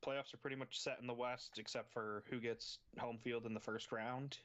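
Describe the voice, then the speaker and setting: A man co-hosting a sports podcast, talking in a steady, laid-back way with dry humor. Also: mid-range voice, moderate pace, a little hiss or hum. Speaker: podcast co-host. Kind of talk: casual sports chat.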